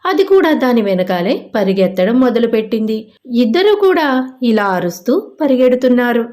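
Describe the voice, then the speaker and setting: A woman narrating a children's moral story in a lively, expressive storybook style. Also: fairly high pitch, moderate pace.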